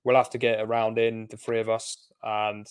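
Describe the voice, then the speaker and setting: A man, co-hosting a casual podcast chat, musing in a relaxed, friendly way. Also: lowish voice, moderate pace, smooth. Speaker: podcast co-host.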